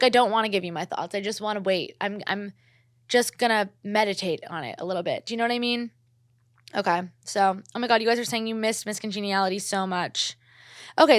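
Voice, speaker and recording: A woman's voice: mid-range voice, a bit bright, dry recording. Young woman host from New Jersey, effusive and loose, lots of fillers, recorded close and dry. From New Jersey, USA. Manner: gushing, filler-heavy, swears freely. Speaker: podcast host. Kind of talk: casual solo podcast chat.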